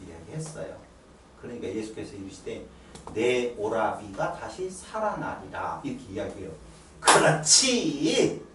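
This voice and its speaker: A middle-aged man preaches with a lively, swinging pitch, drawing his congregation into call-and-answer. His voice carries through a roomy church sanctuary from a mic set some distance away. A faint ambience hums underneath. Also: normal speed, noisy background. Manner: animated, coaxing listeners to answer. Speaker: pastor. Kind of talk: lively sermon with questions to the congregation.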